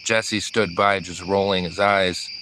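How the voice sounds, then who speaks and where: A man narrating an audiobook in a steady, even reading voice. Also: low voice, unhurried, background noise. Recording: crickets and insects in the background.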